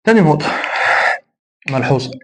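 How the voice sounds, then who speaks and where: A man with an Egyptian Arabic accent teaching English pronunciation, slowly repeating words for the listener to copy. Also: a little high, animated, low-quality recording. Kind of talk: phonetics lesson.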